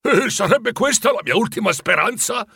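A man voicing a frightened old miser who tries to act calm, speaking in a nervous, shaky way for a storybook reading. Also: a little high, measured pace, gravelly, husky, no room sound, clean studio sound, full character voice.

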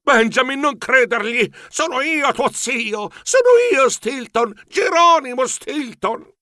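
Sly boastful pirate cat, read by a man: high, bright, mocking. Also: expressive, heavily acted. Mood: smug. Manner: smug, mocking, rapid-fire questioning.

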